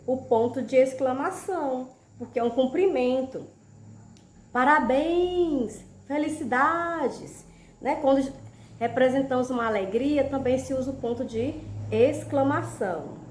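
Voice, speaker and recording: A woman teacher giving a lesson, often pausing to ask rhetorical questions and check that her students follow. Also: sits high, mellow, echoey room, a little hiss or hum. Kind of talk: classroom lesson.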